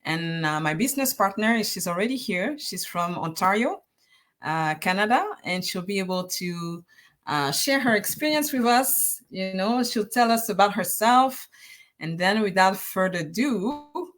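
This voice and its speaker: A woman from Congo hosting a live online business interview, encouraging and pausing often with fillers. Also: medium pitch, expressive, fairly bright tone. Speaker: host.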